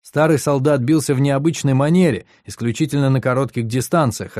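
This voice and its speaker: Audiobook narrator, man, steady and measured, mid voice, dry recording. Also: medium pitch, no room sound. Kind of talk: scripted narration.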